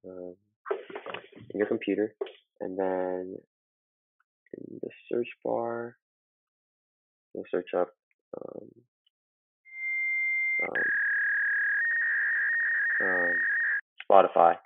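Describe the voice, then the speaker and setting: A man's voice: deep voice, steady tone, extremely slow, vocal fry, long pauses, heavy background noise. A student talking through a casual computer tutorial with lots of fillers, his voice muffled as if heard through a wall from a built-in laptop mic. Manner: loose and chatty, with many fillers. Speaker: student making a how-to video. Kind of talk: casual screen-recording tutorial. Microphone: built-in laptop microphone.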